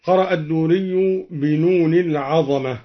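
Brief: slightly high male voice teaching recitation, alternates plain explanation with slow chant, muffled lo-fi recording.

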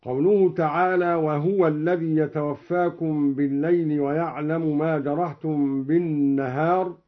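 A man teaching a recitation lesson, explaining each reading and then chanting the verse in a measured, melodic way. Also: fairly high pitch, steady tone. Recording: dull lo-fi recording.

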